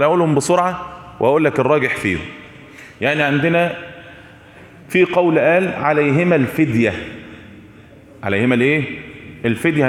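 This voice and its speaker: A man with an Egyptian accent teaches a religious law lesson in a steady mid-range voice. He keeps asking the audience questions and answering them himself, going over the main points again for emphasis. His voice rings through a large hall with a long, echoing reverb. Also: medium pitch. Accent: Egyptian Arabic. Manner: repeats key points for emphasis. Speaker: Islamic jurisprudence teacher.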